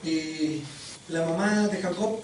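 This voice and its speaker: A preacher delivers a sermon in a church hall, telling stories with animated energy. The preacher keeps asking the congregation questions. The sound is distant and drenched in heavy hall echo, with a faint hiss behind it. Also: medium pitch, slow pace. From Chile. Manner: animated storytelling, quizzing the congregation. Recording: very echoey hall, distant mic, faint noise.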